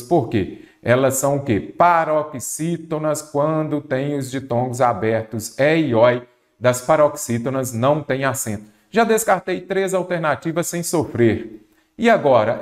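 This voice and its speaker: A Brazilian Portuguese teacher going through exam grammar questions, asking himself questions and answering them, drawing out key words. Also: male voice, mid-range voice. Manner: stretches out key words, then speeds up. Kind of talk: exam-prep grammar lesson.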